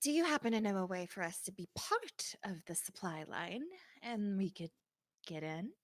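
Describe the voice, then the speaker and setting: A woman's voice: medium pitch, sing-song, moderate pace. A woman chatting casually as a player in an improvised tabletop role-playing game.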